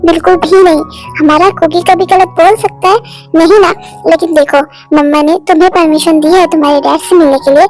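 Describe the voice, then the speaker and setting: A voice actor playing a kind young aunt gently coaxing a little boy in an amateur fan dub. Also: very high voice, fairly even intonation, a little fast, faint music behind, poor audio. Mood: soothing. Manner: coaxing, soft.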